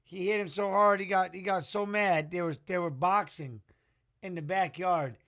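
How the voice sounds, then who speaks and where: A middle-aged man hosting a live fight watch-along, chatty and excitable, talking to the viewers as he calls the action. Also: high-pitched, normal speed. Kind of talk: casual live fight commentary.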